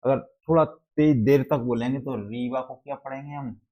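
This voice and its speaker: A man's voice: mid-range voice, fairly even intonation, normal speed. A male teacher, explaining exam facts through memory tricks and asking the class questions again and again. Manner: repetitive, call-and-response questioning. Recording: dull lo-fi sound.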